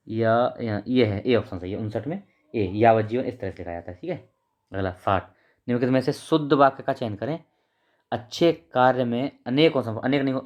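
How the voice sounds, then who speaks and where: A man teaching an exam-prep lesson, reading each option aloud, correcting the spelling and trailing off quietly as he closes each answer. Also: medium pitch, muffled recording.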